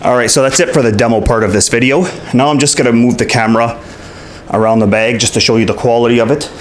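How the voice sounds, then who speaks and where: A man's voice: mid-range voice, fairly even intonation, quick pace, a little hiss or hum. A man casually reviewing a product at home, talking in a blunt, frank and slightly exasperated way. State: out of breath after punching. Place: home room with hardwood floor.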